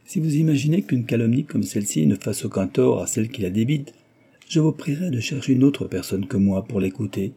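A man reading an audiobook voices a stern, dignified older lady who speaks in a severe, measured way. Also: mid-range voice, lively intonation, gravelly, mellow, husky.

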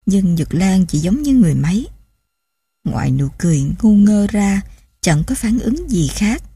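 Mellow, husky woman narrating a novel. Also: medium pitch, moderate pace, dry recording. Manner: steady, emotive storytelling. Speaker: audiobook narrator. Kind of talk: scripted narration.

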